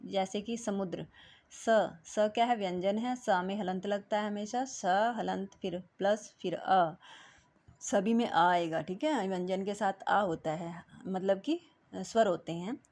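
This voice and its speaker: A woman teacher patiently working through a children's textbook exercise, often pausing to check in with her class. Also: mid-range voice, darkish tone. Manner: patient, repeats "ठीक है" between steps.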